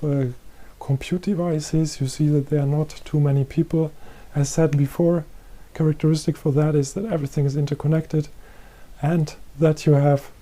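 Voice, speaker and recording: A middle-aged man giving a recorded presentation as head of a research chair, explaining calmly and repeating himself. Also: a little high. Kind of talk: presentation lecture. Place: green-screen studio.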